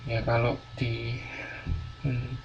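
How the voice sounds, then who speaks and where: A man's voice: medium pitch, completely flat delivery, very slow, gravelly. A male university lecturer teaching a class, explaining patiently and repeating words with many fillers. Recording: dull lo-fi classroom recording, faint noise.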